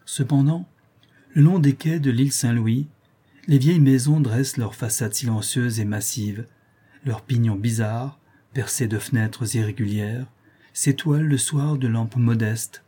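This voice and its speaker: A man narrating a classic novel as an audiobook, reading the dialogue in a measured, even way. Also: mid-range voice, breathy edge.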